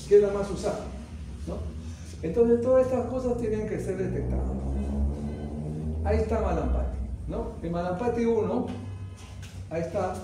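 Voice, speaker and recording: A middle-aged man gives a classroom lecture in a fairly high but mellow voice. He keeps asking his students whether they follow. The room is echoey, with faint noise behind him. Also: moderate pace, pauses often, soft background music. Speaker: anesthesiology lecturer.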